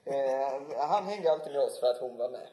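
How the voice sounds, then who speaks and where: Male co-host, warm dark tone, asks questions and thinks aloud, roomy recording. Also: medium pitch, lively intonation. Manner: asks questions, musing and hesitant. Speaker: podcast co-host. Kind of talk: casual chat.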